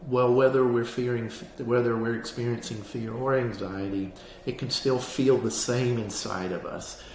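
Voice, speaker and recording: A man speaking as a counselor, calmly explaining a grounding exercise in a plain, instructive way. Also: medium pitch, moderate pace. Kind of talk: explanatory lesson on anxiety grounding, spoken to camera. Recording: roomy echo with faint background noise.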